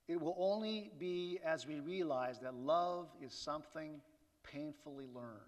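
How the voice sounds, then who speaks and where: A man preaching a sermon in a conversational way, with rhetorical asides to the congregation. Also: on the high side. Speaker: pastor. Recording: reverberant hall.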